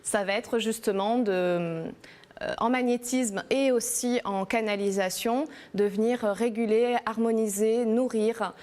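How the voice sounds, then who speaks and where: A woman's voice: fairly high pitch, fairly even intonation, a little slow, a little mellow. A woman from New Caledonia, an energy healer, explaining her practice in an interview, with many fillers and restarts. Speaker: energy healer and massage therapist.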